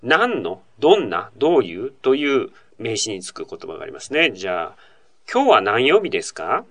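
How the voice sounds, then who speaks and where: Man teaching Korean in lively tones. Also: lowish voice, normal speed. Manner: patient, explanatory, switches between Japanese and Korean. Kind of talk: language lesson podcast.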